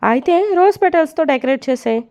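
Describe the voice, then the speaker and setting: A woman voicing Nivya, a sharp-tongued young woman at a hotel who answers with teasing, sarcastic retorts, in a storybook reading. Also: high voice, lively intonation, quick pace.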